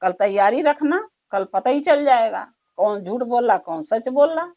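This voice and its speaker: A wise wandering holy man who lays out his test step by step, patient and unhurried, as a woman storyteller puts him on. The voice sits fairly high and steady. The recording is dull and lo-fi. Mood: instructing. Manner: instructing, measured and patient.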